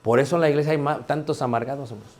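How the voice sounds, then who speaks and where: A man's voice: medium pitch, racing. A man preaching a sermon in a conversational way, firing rhetorical questions at the congregation and calling them brothers. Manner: repeatedly addresses listeners as brothers.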